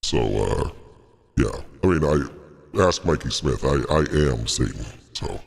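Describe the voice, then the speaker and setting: A man using a deep pitch-shifting voice changer to play a smug male Satan, talking slowly and haltingly with mock boasting. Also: expressive, creaky, husky, long reverb tail, full character voice.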